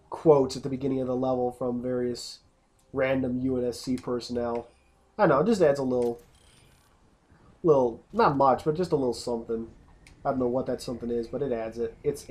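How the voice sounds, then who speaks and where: This man's voice sits at a medium pitch with a somewhat mellow quality. As a let's play host, he chats loosely over the game, wandering off track and often starting his sentences over.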